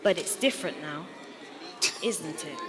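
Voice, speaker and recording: A woman's voice: low voice, lively intonation, unhurried, crowd noise. Earnest woman giving a speech. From United Kingdom. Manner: earnest, rhetorical, with a repeated refrain. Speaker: assistant principal giving a talk. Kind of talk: personal storytelling speech.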